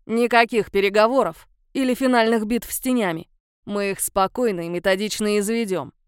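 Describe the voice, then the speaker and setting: A woman voicing a stern, uncompromising older woman leader who speaks in firm, measured, clipped phrases. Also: medium pitch, steady tone, clean tone, no room sound, studio quality, lightly acted.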